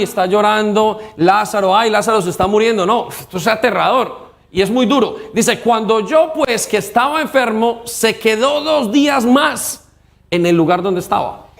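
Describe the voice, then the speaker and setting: High-pitched, gravelly man preaching. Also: a bit bright. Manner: emphatic preaching with call-and-response. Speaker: pastor. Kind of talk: sermon. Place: church.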